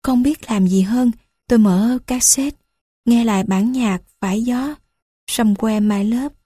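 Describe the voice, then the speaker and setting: A woman narrating a first-person story aloud in an unhurried, gentle reading. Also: a little high, slightly rough, dry recording, studio quality. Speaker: audiobook narrator.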